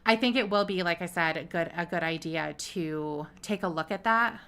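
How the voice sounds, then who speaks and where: A woman's voice: on the low side, moderate pace, a bit bright, clean tone. A woman co-hosting a podcast, chatting casually about a court case at home with plenty of fillers and small laughs. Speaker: podcast co-host. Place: home with her dog.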